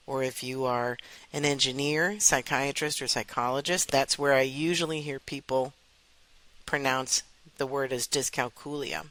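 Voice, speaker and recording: A woman hosting her own podcast, talking earnestly and enthusiastically with clear enunciation. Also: sits low, fairly bright tone, dry recording, rough recording. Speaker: podcast host. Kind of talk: solo podcast talk.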